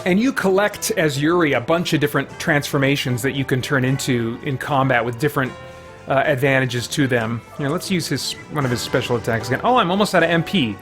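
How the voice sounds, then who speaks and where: Soft music plays as a man hosts a gaming livestream in a medium-pitched, fairly bright voice at a fairly quick pace. He chats casually and wanders between topics, cutting himself off to react to gameplay and viewers.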